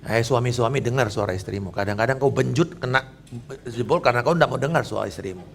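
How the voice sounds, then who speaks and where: A man in his fifties, a pastor preaching a sermon in a lively way and joking with the congregation. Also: medium pitch, quick pace, vocal fry.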